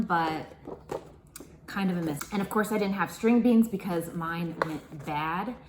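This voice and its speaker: A woman's voice: on the low side, echoey room, slight background noise, low-quality recording. A woman chatting casually and self-deprecatingly as she cooks and tastes food in her home kitchen. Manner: self-deprecating, chatty, talks while eating. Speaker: vlogger cooking at home. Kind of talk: casual cook-with-me vlog.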